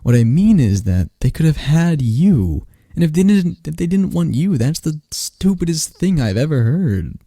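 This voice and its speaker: Husky and a bit high, this young man's voice moves at a moderate pace with few pauses and no room sound. He performs ASMR roleplay as a close friend, carrying an animated one-sided chat with someone who stays silent.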